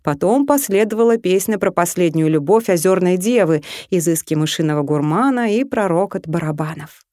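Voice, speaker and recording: A woman's voice: on the low side, moderate pace, dark tone, dry recording. Dry, close woman storyteller. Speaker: narrator. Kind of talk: storybook narration.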